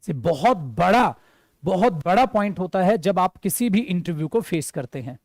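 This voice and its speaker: A man's voice: high voice, lively intonation, normal speed, no echo, studio quality. A man, teaching spoken English to his students and acting out example sentences. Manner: addresses students as dear, acts out example sentences. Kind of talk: promotional class talk.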